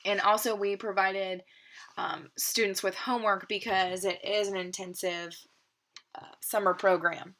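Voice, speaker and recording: A woman teacher lays out a literacy lesson plan step by step. She speaks in a steady, methodical way at a middle pitch, now and then pausing on a filler. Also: a little hiss or hum. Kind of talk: explaining a lesson plan, partly read.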